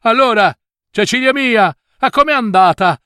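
A man voicing a greedy, bossy stepmother in a storybook reading, shrill and scolding. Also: very animated, unhurried, sharp tone, no room sound, clean studio sound, full character voice. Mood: eager.

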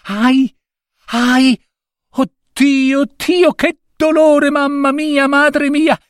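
A man voicing a poor young tailor's daughter in a fairy tale, crying out high in pain. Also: fairly even intonation, very slow, no echo, clean studio sound, exaggerated voice.

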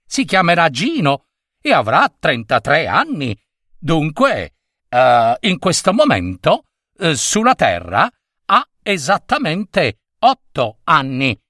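A man voicing a small alien chick who commands a space egg, lecturing in a sharp, self-important way. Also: fairly high pitch, huge pitch swings, takes it slowly, no echo, studio quality, full character voice.

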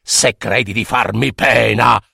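A man's voice: mid-range voice, fairly even intonation, slow, gravelly, sharp tone, breathy edge, no echo, clean studio sound, pitched below the performer's own voice, full character voice. A man doing a blustering hairy monster. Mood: angry. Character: proud hairy monster, blustering and easily hurt.

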